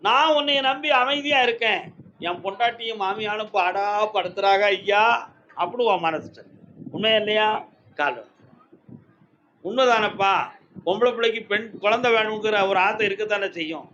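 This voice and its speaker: A man delivers oracle pronouncements at a temple, talking into a microphone in a high, sharp voice. He orders and reassures devotees by turns. The recording is dull, with faint noise behind him. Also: normal speed, pauses often. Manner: commanding, scolds and reassures devotees directly.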